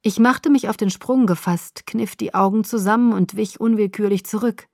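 A woman reading a first-person audiobook in a steady, measured way. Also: medium pitch, creaky, no room sound, studio quality. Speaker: audiobook narrator. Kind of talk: scripted first-person narration.

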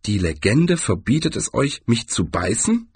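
A man's voice: medium pitch, big pitch swings, a little slow, husky, no room sound, heavily acted. A man voicing a nervous, fretful male wizard in an audiobook reading. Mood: wary.

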